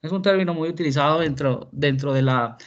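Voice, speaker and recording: Slightly high-voiced male teacher on a video call. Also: dull audio. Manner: explains slowly, checks in with "¿ya?". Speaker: philosophy teacher. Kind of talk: online class lecture.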